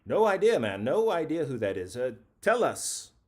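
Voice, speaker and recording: A man's voice: fairly high pitch, sing-song, normal speed. Rambling mock-grandiose call-in host man. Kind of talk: comedic late-night call-in talk.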